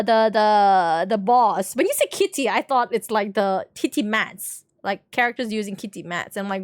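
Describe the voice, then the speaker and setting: Her fairly high pitch comes through in a dry, clean studio recording as this woman live streamer plays a game and chats informally, giggly and casual, with her viewers.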